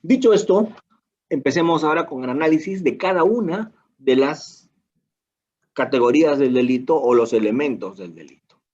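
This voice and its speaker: Peruvian male law lecturer, husky, talks through rhetorical questions and casual asides; dull, lo-fi sound. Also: a little high, expressive, moderate pace, darkish tone. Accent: Peruvian Spanish. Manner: asks and answers his own rhetorical questions; colloquial asides.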